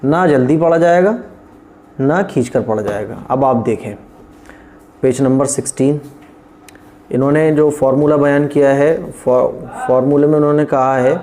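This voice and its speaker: A man teaching Quran reading as a patient lesson. He repeats each point and drills letter sounds slowly, one at a time. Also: medium pitch, mellow, slight background noise. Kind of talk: patient classroom explanation with slow drilled recitation.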